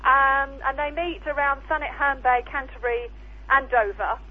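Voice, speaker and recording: A woman's voice: high-pitched, steady tone, moderate pace. A woman, calling in over the phone to a radio show and chatting enthusiastically. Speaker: caller. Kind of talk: casual chat. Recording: tinny phone line, raspy.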